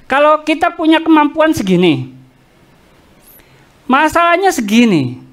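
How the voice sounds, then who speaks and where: Woman pastor, church sermon, very lively pitch, jokey, talks straight to the congregation, Indonesian accent. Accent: Indonesian, with East Javanese slang. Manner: animated, jokey, addresses the congregation directly; acts out congregants' complaints and God's words in quoted voices.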